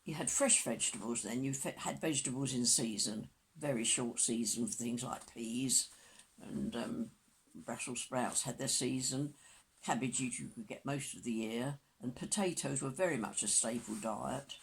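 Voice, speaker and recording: A woman in her nineties reminiscing in a casual interview, with an aged, husky voice and a halting, self-correcting way of talking. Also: rumbling low. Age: 90s. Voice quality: husky, creaky elderly voice.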